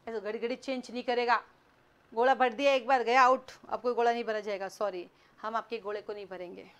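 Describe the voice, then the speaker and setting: A woman teaching an online class, quizzing students, brisk and scolding, mixing in English words. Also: on the high side, fairly even intonation, clear, resonant tone. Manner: mixes Hindi with English words.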